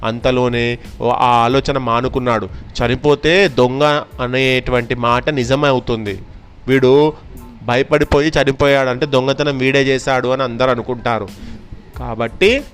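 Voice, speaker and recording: A man narrating a children's folk tale in a lively storytelling manner, with small restarts. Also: mid-range voice, measured pace, long pauses, faint music behind.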